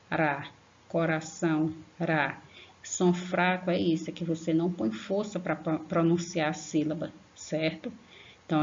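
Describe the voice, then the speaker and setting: Her fairly low voice is gravelly and a little mellow. This Brazilian primary school teacher affectionately leads young kids through an online grammar lesson, spelling syllables slowly and emphatically and checking in with a questioning "tá?", captured in a lo-fi class recording.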